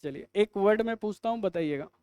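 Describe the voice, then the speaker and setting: Male English tutor, high and crisp, quizzes the class with jokes. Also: lively intonation, a little mellow, no room sound, clean studio sound. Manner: quizzing students with quick questions and jokes. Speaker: English teacher. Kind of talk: live online exam-prep lesson.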